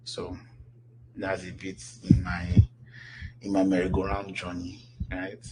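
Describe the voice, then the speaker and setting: Heavy background noise sits behind a low, monotone male voice moving at a measured pace. The speaker is a Nigerian instructor in his thirties answering questions in an informal online class, chatty and full of fillers and false starts.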